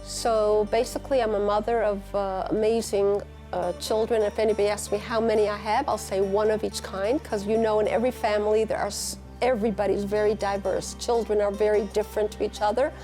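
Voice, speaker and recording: An older woman talking about her life in an interview, reflective and unhurried. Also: medium pitch, level tone, warm tone, soft background music. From United States. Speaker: teacher and community leader.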